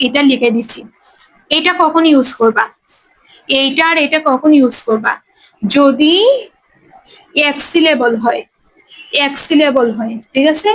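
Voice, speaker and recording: Woman, high-pitched, patient classroom grammar teacher who often checks understanding. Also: low-quality recording. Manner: explains step by step, often asking students if they follow. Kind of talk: classroom lesson at a board.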